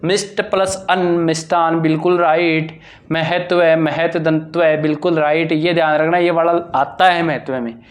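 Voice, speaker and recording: Brisk, drilling male teacher. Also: fairly high pitch, fairly even intonation. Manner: drilling, repeats answers, asks and answers own questions. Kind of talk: exam-prep Hindi grammar lesson.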